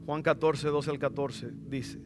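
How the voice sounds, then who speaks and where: A man's voice: fairly high pitch, steady tone, slow, music in the background. Fervent middle-aged male pastor preaching. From Latin America. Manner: fervent preaching, rising to loud exclamations. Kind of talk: sermon. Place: church.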